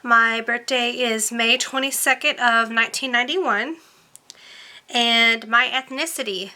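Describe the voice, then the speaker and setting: A woman's voice: on the high side, measured pace, bright, forceful tone. A woman, chatting casually to camera as a beauty vlogger, rambling with lots of ums and likes. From born in Romania, raised in Tennessee. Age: 20s.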